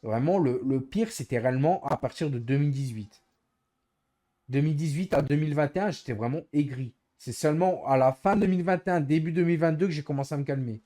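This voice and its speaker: A man's voice: fairly high pitch, fast talker, warm tone. A male streamer chatting casually to his live viewers, exasperated and explaining himself over and over.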